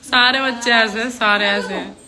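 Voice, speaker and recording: A woman's voice: fairly high pitch, moderate pace, crowd noise. A woman chatting casually to viewers and children at her village home while she films on a phone. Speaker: vlogger. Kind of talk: casual home vlog chat. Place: village house and rooftop, outdoors.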